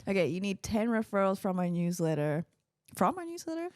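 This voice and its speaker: A young woman co-hosts a podcast, telling stories in bubbly, chatty conversation punctuated by laughs. Her medium-pitched voice has a darkish tone and is very animated and brisk, recorded clean in a studio with no echo.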